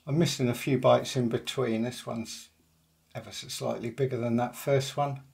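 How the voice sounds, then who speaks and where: An older man, an angler vlogger, calmly narrates a day of fishing in voice-over, matter-of-fact and unhurried, pausing often. His voice is mid-range and creaky.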